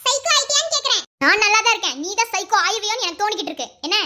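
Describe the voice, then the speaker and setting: A woman voicing a sharp-tongued, possessive young college woman in a cartoon, scolding in a Madurai Tamil accent. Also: big pitch swings, racing, heavy background noise. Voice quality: very high, squeaky voice. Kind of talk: animated cartoon voice acting.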